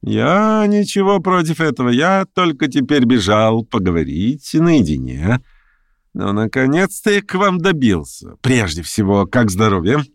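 Guy doing a high jumpy young schemer voice, gushing and wheedling, bouncing all over, dry close sound. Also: no room sound. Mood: excited. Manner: rapid, excitable, wheedling patter. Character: fast-talking eager young man, fawning and jittery. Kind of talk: audiobook character voice.

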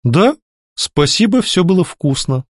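A man's voice: on the high side, sing-song, normal speed, dry recording, clean studio sound, pitched above the performer's own voice. A man voicing a bold young heroine who answers her captor in a teasing, sweetly mocking way. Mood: sweetly defiant.

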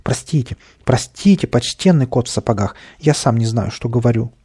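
A man's voice: medium pitch, sing-song, normal speed, dark tone, breathy edge. A man voicing a tiny, scruffy, boastful and cowardly male creature in a storybook reading, with a bratty, whining manner. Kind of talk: storybook character voice.

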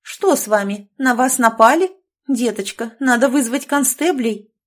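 A woman's voice: on the high side, a little slow, pitched above the performer's own voice. A woman voicing a nosy, fussy older society lady who exclaims in shock, in an audiobook. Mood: alarmed. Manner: exclaiming, scandalized.

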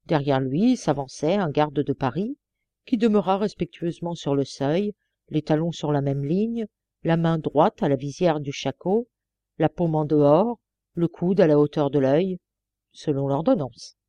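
A woman reading a classic novel aloud as an audiobook narrator, measured and expressive. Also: low voice, no echo, highs cut off. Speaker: audiobook reader. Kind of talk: scripted narration.

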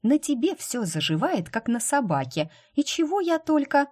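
A prickly, stubborn young woman from an audiobook snaps and protests in a voice lifted high above the woman reader's own low register. She sounds sharp and defiant. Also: big pitch swings, normal speed. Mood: reproachful.

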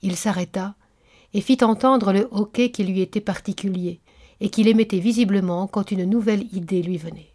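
A woman narrates a novel as an audiobook, her medium-pitched voice telling the story in a measured, even way.

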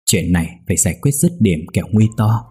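A man with a low, husky voice playing a grave, sorrowful old man in a spoken horror story. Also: animated, a little mellow. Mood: somber. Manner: slow, heavy, somber.

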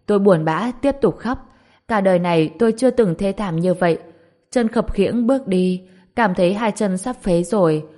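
A woman reading a first-person story as an audiobook in a steady, plain storytelling manner. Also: mid-range voice, normal speed. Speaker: narrator.

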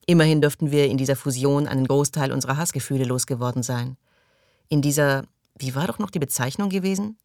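A man voicing a calm, dry crew leader. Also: medium pitch, fast, no room sound, natural voice. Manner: gentle, even, dryly mocking.

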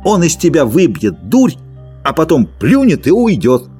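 A man's voice: fairly high pitch, huge pitch swings, unhurried, warm tone, slightly rough, soft background music, pitched above the performer's own voice, exaggerated voice. A man voicing a huge, contemptuous male rabbit that sneers and scolds in an audiobook reading. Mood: scornful. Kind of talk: audiobook character voice.

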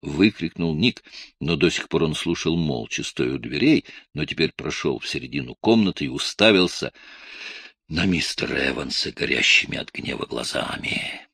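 A man with a very deep voice narrates an audiobook, his intonation rising and falling widely. The recording is close and dry, with no room sound. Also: expressive, normal speed, vocal fry, fairly bright tone, husky, dry recording.

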